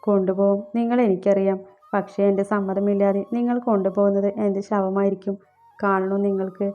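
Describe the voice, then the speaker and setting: A hurt young woman from a romantic audiobook, curt and defiant, as a woman narrator reads her. The voice is mellow and flat. Faint music plays under a slightly dull recording. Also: mid-range voice, brisk, close to an everyday voice. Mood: bitter.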